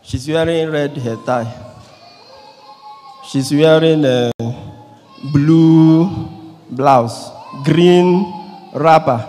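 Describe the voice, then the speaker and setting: Animated Nigerian priest in a reverberant church. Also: male voice, a little high, drawn-out words, long pauses, faint music behind. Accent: Nigerian English. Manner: animated, acts out quoted voices, swings from loud to quiet. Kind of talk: lively sermon. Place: large church, indoors. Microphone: handheld microphone.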